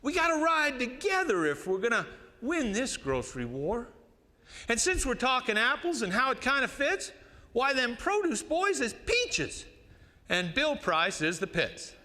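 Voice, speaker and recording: A man with an American West cowboy twang recites cowboy poetry in a folksy drawl with dramatic pauses. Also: extremely high pitch, wildly swooping pitch, sharp tone. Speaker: cowboy poet. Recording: reverberant hall.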